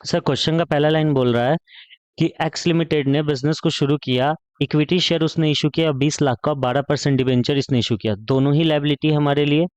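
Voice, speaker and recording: A man's voice: fairly high pitch, fairly even intonation, a little fast, clean tone, no room sound, muffled recording, natural voice. A man voicing his own cheeky class of pupils, who answer and tease their teacher. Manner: cheeky, pleading with sir.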